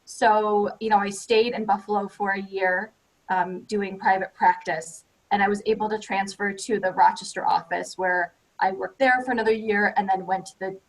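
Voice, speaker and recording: Woman, 30s, friendly, lots of um fillers, mid pitch, video call. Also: poor audio. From United States. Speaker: judicial candidate. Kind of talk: candidate forum answer.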